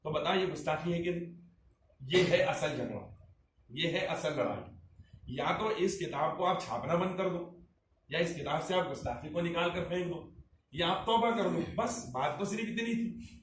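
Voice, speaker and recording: A man with a voice on the high side, an Islamic cleric, works through a religious argument at a moderate pace, emphatic and rhetorical, pressing a listener with one question after another. There's a little hiss or hum, plus echo, faint ambience and a distant mic.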